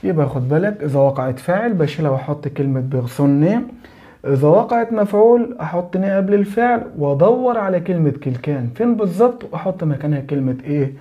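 A man with an Egyptian Arabic accent explaining a French grammar lesson, often checking that the student is following and slowly spelling out examples. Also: fairly high pitch, lively intonation, mellow, muffled recording. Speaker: French teacher.

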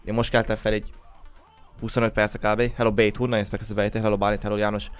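A man's voice: on the low side, flat delivery, clear, resonant tone, soft background music. Sleepy young man greeting stream viewers. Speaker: livestream host. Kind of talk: casual livestream chat.

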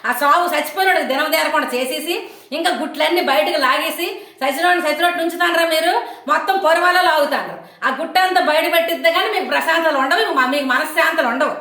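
A woman delivering an angry, scolding rant to camera, taunting and insulting her opponent with sharp questions. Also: sits high, fast, roomy sound. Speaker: online commentator.

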